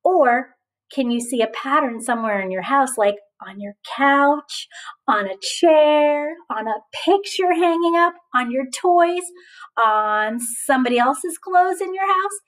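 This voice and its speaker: A woman reads a picture book aloud like a teacher of small children, lively and encouraging, frequently posing questions and waiting for answers. Her voice is high, and the recording quality is low.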